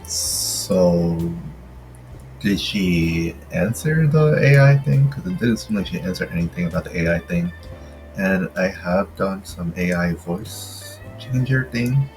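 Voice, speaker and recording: A man giving mocking, scornful reaction commentary over a clip he pauses. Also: low-pitched, low-quality recording.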